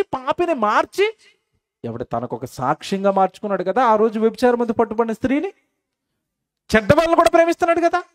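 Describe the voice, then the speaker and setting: A man preaching, his voice sitting high and swinging widely up and down. He throws questions at the congregation and answers them himself, and he repeats lines for weight. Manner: repeats phrases for emphasis. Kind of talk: sermon.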